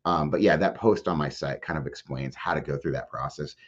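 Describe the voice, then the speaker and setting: A middle-aged man appears as a podcast guest and mental health advocate, offering conversational advice in plain, everyday, explanatory words peppered with "like" and "you know." His voice is extremely low and fairly quick, captured in dull, lo-fi sound.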